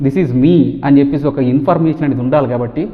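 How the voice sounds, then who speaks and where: Man, rapid forceful rant, tinny phone-like audio, long echoey reverb. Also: medium pitch, steady tone. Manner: fast, forceful, repeats himself with rhetorical questions. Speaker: vlogger. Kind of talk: talking to camera, ranting.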